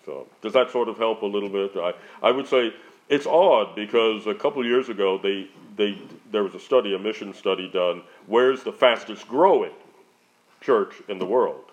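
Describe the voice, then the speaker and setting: A missionary answers audience questions in an earnest, conversational and rambling way, frequently restarting his sentences. His voice is fairly low and moderately paced. The audio is dull and lo-fi.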